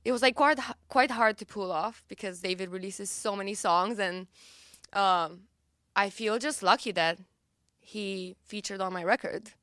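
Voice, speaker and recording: Bubbly and quick to laugh, a young woman singer-songwriter, Romanian by first language, fills her casual interview chatter with fillers. She speaks at a measured pace in a mid-range, slightly bright voice, recorded cleanly in a studio with no echo.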